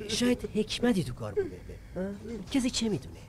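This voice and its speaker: A bouncy, coaxing film sidekick. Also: male voice, high voice, wildly swooping pitch, a crowd in the background. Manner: teasing, coaxing, exclamatory. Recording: film soundtrack music behind.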